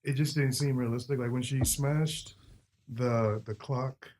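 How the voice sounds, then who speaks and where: A man's voice: mid-range voice, steady tone, darkish tone, slight background noise. A man co-hosting a podcast, chatting casually about films in a teasing, plainspoken way. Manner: teasing, plainspoken, quick-talking. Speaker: podcast co-host. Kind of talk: casual movie chat.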